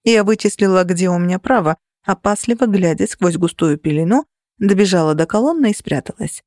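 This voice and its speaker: A woman reading a first-person fantasy novel aloud with steady, lively storytelling. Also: fairly low pitch, fairly quick, no room sound, clean studio sound. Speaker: audiobook narrator. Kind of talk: scripted first-person narration.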